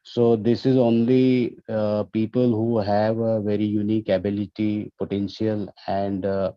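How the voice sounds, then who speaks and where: Caller: low, monotone man, slow and hesitant, dull lo-fi dry line. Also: dry recording. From India. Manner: hesitant, many uh fillers. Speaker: webinar caller. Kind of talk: call-in remarks. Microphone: video call. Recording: dull lo-fi dry call audio.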